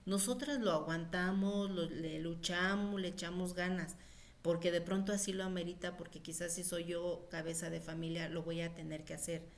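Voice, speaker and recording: A woman's voice: fairly low pitch, steady tone, moderate pace. A woman giving an informal lecture on pediatric nutrition, chatty, with many fillers. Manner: conversational, with frequent fillers and acted-out quotes of mothers.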